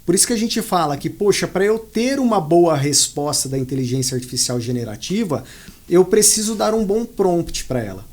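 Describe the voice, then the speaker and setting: A man's voice: a little high, sing-song, moderate pace, darkish tone. A man with a Brazilian Portuguese accent, a guest specialist patiently explaining a topic in an interview and repeating key points for emphasis. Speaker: invited specialist.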